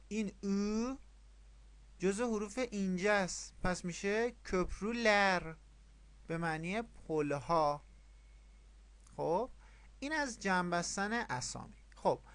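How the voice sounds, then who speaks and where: A man's voice: high-pitched, expressive, fairly bright tone, clear, resonant tone. A man teaching a language lesson online, explaining rules step by step, repeating them and asking questions. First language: Persian.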